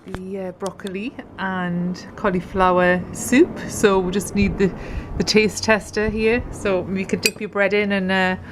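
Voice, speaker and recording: A woman's voice: mid-range voice, little pitch movement, a little slow, hardly any pauses, background noise. A British woman vlogging her cooking in a chatty, homely way, correcting herself as she goes. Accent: British English. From Britain. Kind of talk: casual cooking vlog.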